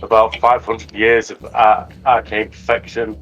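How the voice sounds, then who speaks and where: A man narrating casually as game master, often halting and correcting himself. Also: fairly low pitch, monotone, fairly bright tone, muffled recording, faint music behind.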